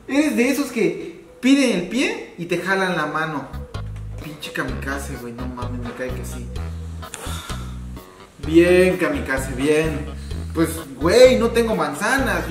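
A young man with a Mexican accent acting an excitable, scheming friend in a web comedy sketch, theatrical and slangy. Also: a little high. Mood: offended. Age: young adult. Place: indoors in a bare, hard-walled house room. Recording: roomy echo, music bed behind.

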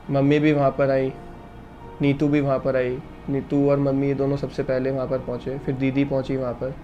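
A young man, a vlogger, quietly recounting a personal loss in a halting, somber way. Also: mid-range voice. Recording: slightly dull recording with faint background noise.

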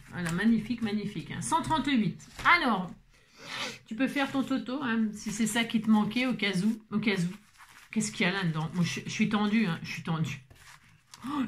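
A woman's voice: medium pitch, a little hiss or hum. A woman vlogging casually while opening craft mail at her table at home, chatty and playful, gushing over every item.

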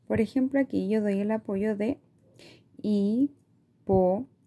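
A woman teacher with a Chilean Spanish accent, explaining a reading lesson to parents in a slow, patient way, stretching out words and checking in with "¿ya?". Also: mid-range voice, vocal fry, dark tone. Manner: asks "¿ya?" often.

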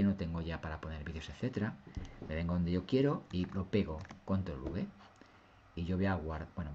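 A man, a teacher walking through a software tutorial step by step and often checking that viewers follow. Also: deep voice, dull audio, a little hiss or hum. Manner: patient, step-by-step, often asks "¿lo veis?". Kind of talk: screen-recorded software tutorial.

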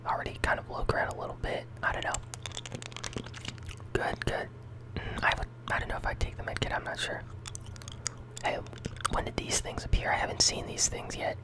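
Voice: normal speed, long pauses, rough recording. A gaming channel host giving whispered ASMR commentary on a game.

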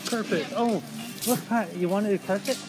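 Young man, casual phone vlog, rambling commentary, loud music underneath. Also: high voice, moderate pace, poor audio. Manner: rambling, offhand commentary while walking. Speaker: vlogger. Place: indoor flea market. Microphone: handheld phone camera at arm's length. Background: loud background music.

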